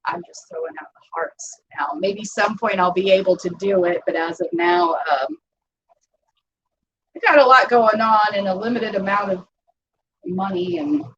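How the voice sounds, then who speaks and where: A woman's voice: mid-range voice, fairly bright tone, a little hiss or hum, low-quality recording. A woman hosting a casual live stream from home, chatting with viewers, greeting them by name and laughing often.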